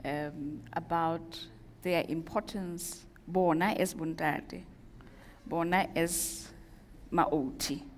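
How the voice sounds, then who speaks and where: A South African woman with a lowish voice moderates a discussion at an unhurried pace. She pauses between phrases, and her voice carries the long echo of a hall. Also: fairly even intonation. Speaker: panel moderator. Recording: echoey hall with faint noise.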